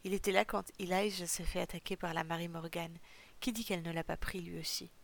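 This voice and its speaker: A woman reading a storybook role of a fierce, quick-tempered young woman, blunt and scornful, in a low, level voice. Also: steady tone, gravelly.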